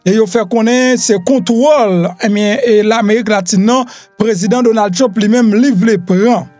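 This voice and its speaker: A man's voice: sits high, normal speed, a little mellow, no echo, faint music behind. A Haitian man hosting a news rundown, reading headlines loosely with frequent fillers. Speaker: news host.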